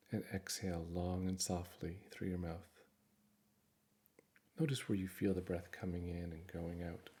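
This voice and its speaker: A man guides a meditation, his low voice thick with gravel and creak. He offers soft instructions and reassurance, like someone leading a listener through calming exercises.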